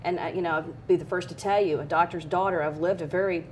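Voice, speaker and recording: This middle-aged woman talks fast and in a steady tone while recounting personal experiences as an interview guest. She comes across as candid, earnest and conversational, and the audio carries clear background noise with a low rumble.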